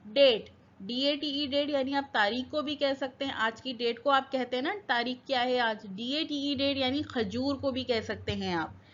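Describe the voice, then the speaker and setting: A woman's voice: high voice, fairly bright tone, highs cut off. A woman teaching English vocabulary. She spells each word letter by letter, repeats its meanings, and asks questions that she answers herself. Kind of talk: vocabulary lesson.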